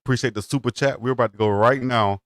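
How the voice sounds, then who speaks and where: A man hosting a live sports stream in a relaxed, casual way, laughing easily and thanking viewers. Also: mid-range voice, quick pace, a little hiss or hum. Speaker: show host.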